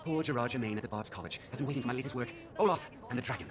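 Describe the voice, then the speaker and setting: An actor playing a self-regarding, literary writer of dramas in a video game, speaking pompously. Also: male voice, medium pitch, rapid-fire, natural voice. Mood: lofty. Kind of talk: video game character dialogue. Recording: sped-up game audio in tavern chatter.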